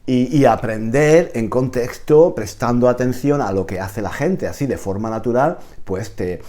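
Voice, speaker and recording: A man from Spain with a Spain Spanish accent, giving a casual video lesson as a Spanish teacher, animated and repeating phrases as he explains. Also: medium pitch, normal speed.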